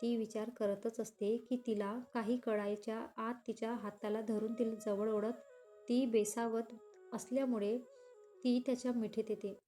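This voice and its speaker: A woman storyteller reading a romance story aloud with steady expression. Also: a little high, normal speed, faint music behind. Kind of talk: story narration.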